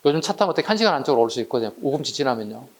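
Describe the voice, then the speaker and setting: A man's voice: medium pitch, very animated, rapid-fire. A man teaching an exam-prep history lecture, chatty and full of rhetorical questions to his students.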